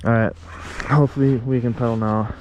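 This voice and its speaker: A man talks off the cuff as he rides an e-bike, huffing with heavy breathing. His voice sits at an average pitch, and his remarks come in sparse, halting bursts. A loud buzzing and outdoor noise runs behind him. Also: fairly even intonation. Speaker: e-bike rider filming a test ride. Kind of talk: casual off-the-cuff riding commentary. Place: outdoors, riding an electric bike.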